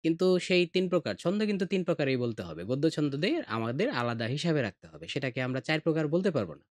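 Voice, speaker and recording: A middle-aged Bangladeshi Bengali man explains poetry like a patient teacher, sometimes slipping into slow, heartfelt recitation. His voice sits a little high for a man. It is close and dry, with no room sound at all. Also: very animated, no echo. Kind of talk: explanatory lesson podcast.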